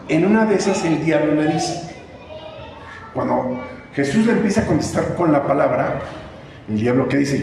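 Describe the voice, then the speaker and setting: A man's voice: a little high, a little mellow. Man preaching in an echoey hall. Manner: emphatic preaching with rhetorical questions and repeated words. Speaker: pastor. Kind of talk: sermon. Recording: echoey hall with background noise.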